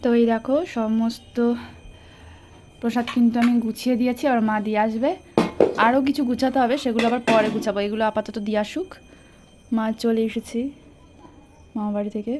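A young woman with a Bengali accent chatting casually to her viewers in a home vlog, talking softly because of a sore throat. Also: a little high, steady tone, brisk, long pauses, over music. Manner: chatty, tag questions to viewers. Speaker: vlogger.

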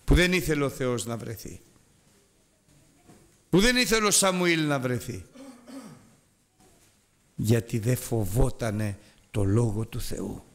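Man, preacher, sermon, dramatic storytelling, voice leaps high then drops low, urges the congregation. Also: long pauses. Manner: dramatic retelling of scripture with big rises and drops in pitch; addresses the congregation directly and urges them.

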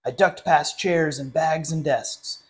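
This is a young adult man, a literacy council director, reading a story to young listeners. His fairly high voice carries a warm, animated storytime tone at a slow pace. He sits in a small classroom, somewhat back from the camera.

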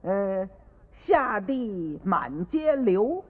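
A man voicing a cheeky, clever young schoolboy who answers softly and slowly, as if innocent, heard on an old radio recording with long reverb. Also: high-pitched, sing-song, phone-quality sound, exaggerated voice. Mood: sly innocent. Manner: soft, slow, innocent-sounding replies. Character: cheeky clever schoolboy poet, sly and mild.

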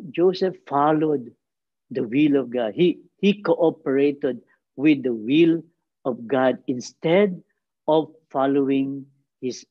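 Slow, halting priest giving a homily. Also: male voice, mid-range voice, husky, no echo, lo-fi sound. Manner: halting, many fillers and restarts, rising emphatic peaks. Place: small chapel with crucifix.

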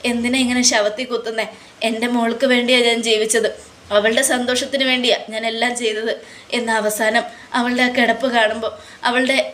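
Rahul, a guilt-ridden older father who begs and sobs, his words breaking off and restarting, read out by a woman in a fairly high voice. He sounds worn down by remorse. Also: fairly bright tone, slight background noise, close to an everyday voice. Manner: tearful, begging, halting repetitions. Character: scheming older father, grief-stricken and pleading.

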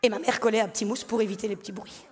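A woman in her thirties with a Belgian French accent from the Liège area, telling stand-up stories on a theatre stage in an animated way and acting out voices. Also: mid-range voice, rapid-fire, husky. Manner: animated storytelling, acts out voices. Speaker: stand-up comedian. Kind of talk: stand-up comedy monologue. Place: theatre stage before a live audience.

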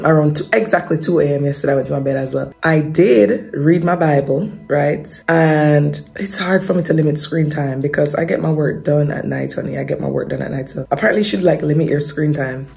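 A woman's voice: low voice, gravelly, darkish tone. A young woman vlogging in a casual, confessional way, rambling and trailing off with repeated fillers. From Jamaica. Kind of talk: casual confessional chat to camera.

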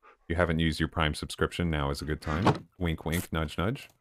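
A man streaming a game live, chatting casually with viewers in a low-key, deadpan way. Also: moderate pace. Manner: low-key and deadpan, even when excited. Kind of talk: casual live-stream chat while gaming. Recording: noisy with clicking in the background.

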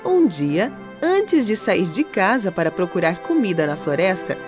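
A woman narrating a cartoon story for children in an expressive, animated storytelling manner. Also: mid-range voice, a little slow. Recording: narration with music underneath.

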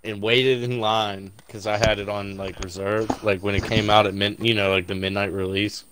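A man's voice: on the low side, little pitch movement, normal speed, noisy background. A man chatting casually with gamer friends, slangy and full of swearing. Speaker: gamer in a squad voice chat. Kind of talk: casual chat, storytelling banter.

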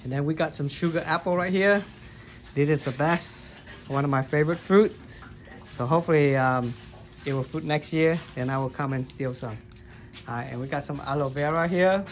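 A male gardening vlogger, his voice on the high side and his speed normal, casually demonstrates hand-pollination in a basement grow room. He films his hands with a handheld phone and rambles in a loose, chatty way, often saying "like" and "um."

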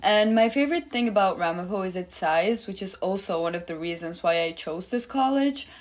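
A young woman from Georgia, a marketing student, answering interview questions clearly and composedly over a video call. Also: medium pitch, expressive, brisk. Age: young adult.

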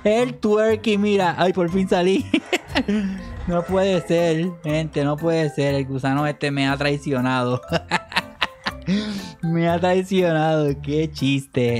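Male gamer host, high voice, unhurried delivery, faint music under it. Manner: excitable, shouts and laughs at the game, eggs himself on. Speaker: gaming video host. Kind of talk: excited gameplay commentary.

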